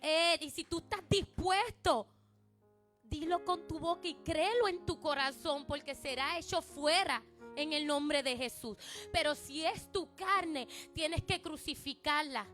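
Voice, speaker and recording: Very high-voiced fervent woman pastor. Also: a little slow, a bit bright, soft background music. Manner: fervent preaching with insistent repetition. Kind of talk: impassioned sermon. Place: church service.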